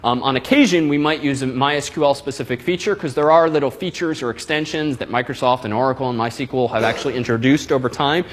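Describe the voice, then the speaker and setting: A man lecturing a university class, animated with self-deprecating asides. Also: mid-range voice, fast talker, hardly any pauses.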